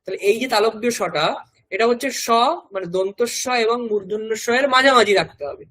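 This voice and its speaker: A man with a West Bengal Bengali accent teaches a Sanskrit class in a high, brisk, fairly bright voice, spelling every word out letter by letter and repeating it several times. The classroom language lesson is captured on a rough recording.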